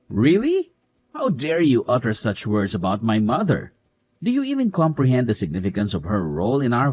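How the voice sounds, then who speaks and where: A dismissive young husband, voiced by a man, mocks and brushes off his wife in an animated story. His pitch swings wildly, and the recording is dry and close. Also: dry recording. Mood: indignant. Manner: mocking, dismissive.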